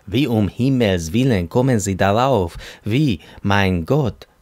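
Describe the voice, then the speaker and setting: A man's voice: lowish voice, animated, takes it slowly, a little mellow, dry recording. A man voicing an indignant, incredulous young woman in an audiobook. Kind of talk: audiobook character voice.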